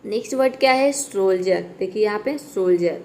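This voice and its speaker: A woman English teacher giving a beginners' pronunciation lesson, explaining patiently step by step and repeating each word slowly. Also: mid-range voice, a little mellow.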